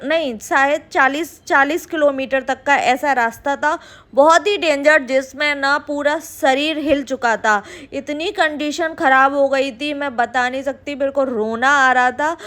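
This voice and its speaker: A woman narrating a travel vlog voice-over, talking quickly in long run-on breaths with a lively, emotional storytelling manner. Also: high-pitched. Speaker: travel vlogger.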